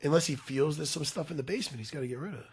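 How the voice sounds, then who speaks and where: A man's voice: a little high, rapid-fire, husky. A man in his forties co-hosting a podcast, talking bluntly and profanely in rambling, restarting casual banter. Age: 40s. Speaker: podcast co-host.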